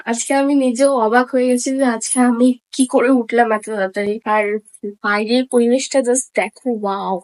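A young woman with a Bengali accent and a high voice, chatting casually into her phone camera for a vlog. She talks playfully, straight to her viewers. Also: darkish tone, dry recording. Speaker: vlogger.

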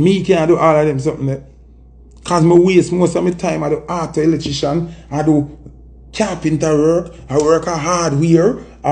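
A man's voice: a little high, creaky, darkish tone. A man in his thirties with a Jamaican accent, speaking Jamaican Patois in an emphatic, reflective casual chat to camera. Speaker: music personality, vlogger. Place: small indoor room. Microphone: phone at arm's length.

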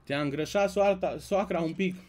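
A man's voice: high-pitched, a little mellow. A man from Romania hosting a casual live stream, greeting viewers by name and bantering with the chat. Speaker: slots streamer.

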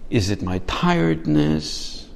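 A man delivers a reflective homily, asking his listeners many questions and often restarting his phrases. His voice is on the high side, sing-song and creaky, and he speaks slowly. Hall reverb surrounds the recording.

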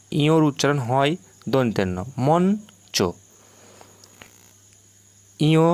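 A man's voice: mid-range voice, clear, resonant tone, no echo. Man teaching pronunciation, dry sound. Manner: explains slowly, repeating words to model their sounds. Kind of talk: video lesson on pronunciation.

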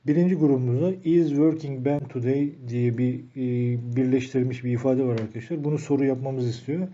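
A man teaching an English grammar lesson, slowing down to read each example sentence aloud. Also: mid-range voice, fairly even intonation, dark tone. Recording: dull lo-fi recording.

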